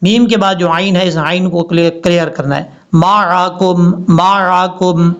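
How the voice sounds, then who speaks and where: Man teaching recitation, kinda high voice, stretches each word out slow then explains quick, dull lo-fi sound. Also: creaky. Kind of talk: recitation lesson.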